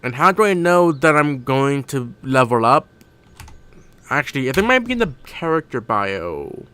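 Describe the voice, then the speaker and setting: A man's voice: mid-range voice, big pitch swings, moderate pace, pushed and bright, clean tone. A man streaming a video game, thinking aloud in a rambling way and often correcting himself mid-sentence. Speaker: gaming streamer. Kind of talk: casual live-stream commentary while gaming.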